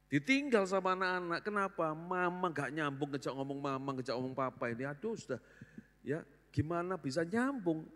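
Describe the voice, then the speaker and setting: An older pastor, his voice sitting a little high for a man, preaches with lively, jokey energy and acts out the people he talks about. He is recorded in a large church hall, and his words ring on in a long reverb. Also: a little fast. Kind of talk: sermon.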